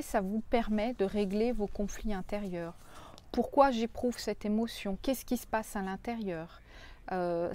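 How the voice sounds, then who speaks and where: A woman coach speaking directly to viewers in a gentle, reassuring way, often repeating phrases for emphasis. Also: medium pitch. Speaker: personal development coach. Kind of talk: coaching video addressed to viewers.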